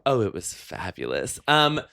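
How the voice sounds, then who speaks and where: A man's voice: fairly low pitch, sing-song, unhurried, creaky, bright, forceful tone. A young man co-hosting a podcast in casual chat, campy and playful, from New York. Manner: campy, playful, says "honey". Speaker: podcast co-host.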